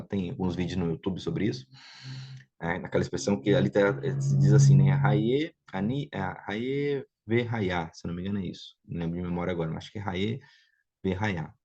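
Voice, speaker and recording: A Brazilian man lectures in a relaxed classroom manner, pausing to ask whether everyone is following. His voice sits low and mellow with a slightly husky edge. The recording sounds dull and lo-fi. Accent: Brazilian Portuguese. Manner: explanatory, checks understanding with frequent tag questions. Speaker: Biblical Hebrew teacher.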